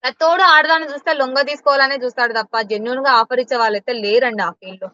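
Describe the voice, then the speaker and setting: A woman's voice: sits high, fast, bright, forceful tone, dry recording, lo-fi sound. A woman giving blunt, indignant answers in an interview. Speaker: interview guest.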